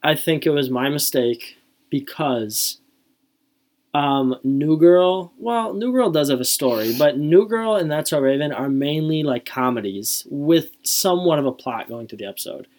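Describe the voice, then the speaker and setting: A woman's voice: sits low, expressive, a little slow, a little mellow. Rambling young woman podcaster. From Michigan. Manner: rambling, hedging with lots of "like". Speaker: podcast co-host. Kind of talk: casual chat.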